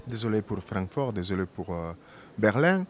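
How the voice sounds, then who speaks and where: A man working as a live interpreter renders a speaker's words in the first person, measured and slightly hesitant. His voice is lowish and very animated.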